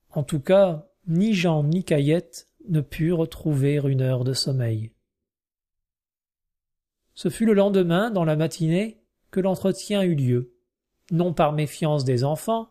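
A man reads a classic novel aloud in a clear, steady, literary manner. His voice sits high for a man, yet the tone is soft and mellow. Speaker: narrator. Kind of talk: audiobook narration of a classic novel.

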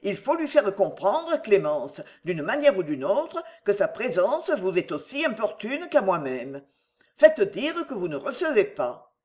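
A proud, jealous British gentleman speaks with a haughty, exasperated edge, as a woman reader puts him on. The voice moves with lively rises and falls, read as an audiobook part. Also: mid-range voice, measured pace. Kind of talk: audiobook character reading.

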